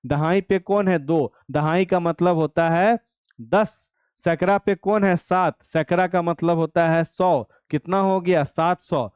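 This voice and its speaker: A math teacher takes an online class through each step, putting a question to the students and then answering it himself. His voice sits a little high, smooth and clear, recorded close and dry with slightly muffled sound. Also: takes it slowly, darkish tone, no room sound. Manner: explains step by step with rhetorical questions.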